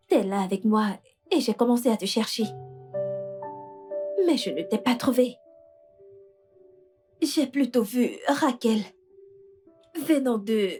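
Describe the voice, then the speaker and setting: A woman dubbing a shaken young daughter who recounts events in a hesitant, halting way. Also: a little high. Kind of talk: dubbed film acting. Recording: music clearly behind.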